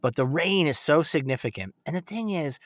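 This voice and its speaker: Middle-aged man, podcast co-host, lively swinging intonation, casual and emphatic, very dry closet sound. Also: fairly high pitch, fairly quick, dry recording. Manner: informal, emphatic, swears freely. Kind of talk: casual chat. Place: inside a clothes closet at home.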